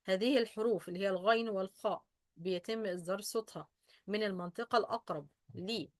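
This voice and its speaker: A woman's voice: mid-range voice, fast, no room sound, clean studio sound. A woman with an Egyptian Arabic accent teaching pronunciation, switching between English and Arabic and repeating sounds to demonstrate them. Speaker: tajweed teacher. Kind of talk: bilingual lesson, translating and explaining.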